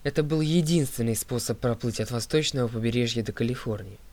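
Man, audiobook narrator, steady clear reading, mid-pitched voice. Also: a little fast. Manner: steady, clear reading, dropping low on speaker tags. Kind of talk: scripted narration.

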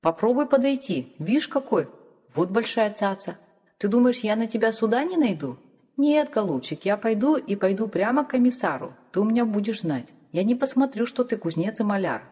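A woman's voice: mid-range voice, big pitch swings, normal speed, warm tone, slightly rough. A woman voicing a sly, cowardly older village man who mutters indignantly to himself. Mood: grumbling. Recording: long hall reverb.

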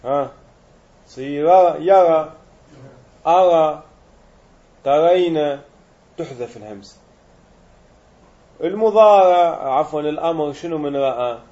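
A male teacher walks through a grammar lesson step by step, stopping to put questions to his class. His voice sits a little higher than most men's. The recording is muffled and lo-fi. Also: normal speed, pauses often, warm tone. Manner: explains step by step, quizzing students.

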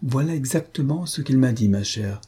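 Gossipy fussy old lady, a man reading her, higher and excited, dark mellow husky tone. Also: normal speed. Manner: excited, exclaiming, talkative. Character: chatty gossiping older woman, fussy and self-important.

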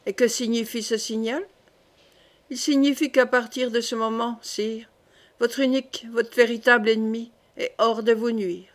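A woman voicing a scheming, controlled queen mother in an audiobook, measured and persuasive. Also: a little high, fairly even intonation, natural voice.

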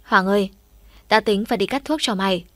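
A woman voicing a blunt, scolding middle-aged mother with a gruff, sarcastic manner in audiobook dialogue. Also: mid-range voice, a little fast, no echo, close to an everyday voice.

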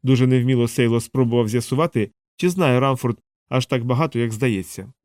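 Guy reading an audiobook, calm steady narration, dry close sound. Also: mid-range voice, a little fast, dry recording. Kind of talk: scripted narration.

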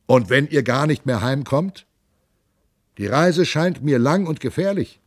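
A man's voice: mid-range voice, lively intonation, a little slow, dry recording, clean studio sound, voice pushed up, natural voice. A man playing a skeptical old knight. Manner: cautious, questioning. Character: wary old male knight, seasoned and skeptical.

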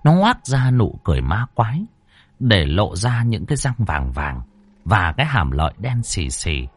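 Dramatic low-voiced male storyteller. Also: unhurried, husky, no echo, soft background music. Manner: dramatic, expressive reading. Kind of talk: scripted ghost story narration.

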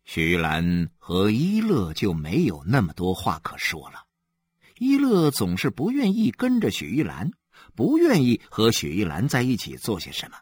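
A male storyteller reading a novel aloud, his pitch rising and falling dramatically. His voice has a husky edge. The recording is dry and close, with no room sound. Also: normal speed, no room sound. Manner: animated storytelling, many voices. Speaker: audiobook narrator. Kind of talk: expressive literary narration.

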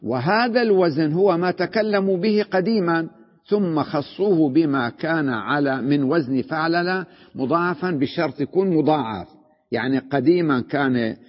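Man teaching grammar in a reverberant hall. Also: a little high. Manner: explains step by step, repeating terms and asking students if they follow. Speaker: sheikh teaching Arabic grammar. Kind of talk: classroom lecture on morphology. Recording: dull recording with long hall reverb.

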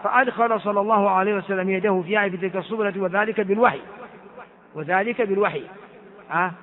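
A man from Ethiopia teaches hadith at a brisk clip, with a voice that sits high for a man. He repeats key phrases and puts questions to his students. The sound is thin and tinny, like a phone line. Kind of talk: classroom hadith commentary.

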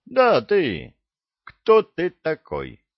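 A man's voice: on the low side, lively intonation, slow pace, no room sound, highs cut off. A man doing a scornful barking drill sergeant. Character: tall mocking male army drill sergeant. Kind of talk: audiobook character voice.

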